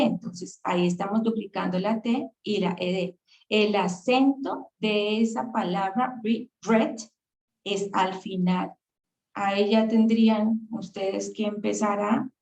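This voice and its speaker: A woman's voice: mid-range voice, a little mellow, poor audio. A woman teaching an English grammar class over a video call, explaining patiently and often checking that students follow. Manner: patient, checks understanding with questions. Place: virtual session.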